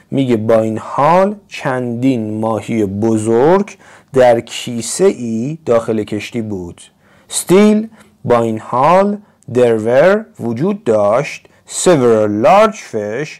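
Man slowly reading and translating English text. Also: mid-range voice, darkish tone. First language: Persian. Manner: reads English lines slowly, then translates quickly. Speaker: English teacher. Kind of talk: reading a story aloud and translating it line by line.

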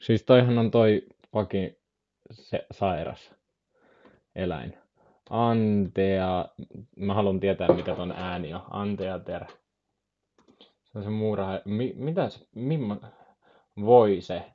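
A man's voice: lowish voice, dull audio. A young man from Finland chatting casually on a live stream, joking, rambling and trying out animal sounds.

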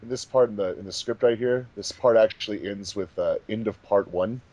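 A fandub producer and voice actor explains things casually and enthusiastically on a commentary track he helped make. His voice is lowish and a little mellow, he speaks a little fast, and the audio sounds dull.

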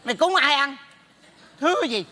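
A meddling neighbor teases and mocks in quick bursts with a Southern Vietnamese accent. His voice sits high and sounds bright. He keeps up a stage comedy sketch's brisk banter. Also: animated, in a large hall, heavily acted. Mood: mocking. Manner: quick, mocking teasing. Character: meddling, teasing male neighbor.

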